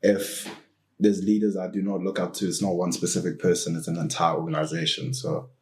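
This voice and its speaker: A man in his early twenties, a student on a panel, speaking carefully with pauses. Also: low-pitched, little pitch movement, a little mellow. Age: 20s. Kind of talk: casual panel discussion.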